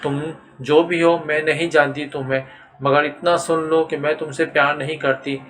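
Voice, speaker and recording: A man's voice: fairly high pitch, level tone, fairly bright tone, close to an everyday voice. A man voicing a frightened but defiant young woman who answers angrily through tears. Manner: tearful, angry defiance.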